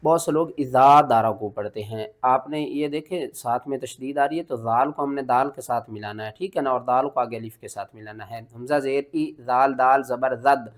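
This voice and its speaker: A man teaching Quran recitation, spelling each word letter by letter before reciting it in a slow, drawn-out way. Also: mid-range voice. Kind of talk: step-by-step spelling and recitation lesson.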